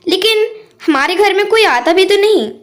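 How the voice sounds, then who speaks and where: A woman's voice: extremely high pitch, lively intonation, normal speed, voice pushed up. A woman voicing a stern, suspicious older mother-in-law who scolds her household in a storybook tale.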